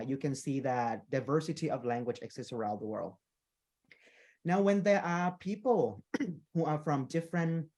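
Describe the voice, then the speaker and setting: This conference presentation comes from a Thai teacher trainer whose voice is medium in pitch and warm. Patient in explaining, the speaker leans on "you know" and repeatedly asks the audience "okay?" or "right?".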